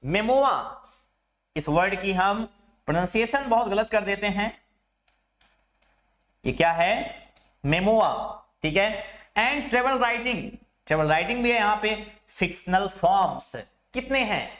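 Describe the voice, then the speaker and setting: Lecturing through a syllabus, a man teaches English literature in Hindi, drawing the English terms out slowly. His voice is high and fairly bright.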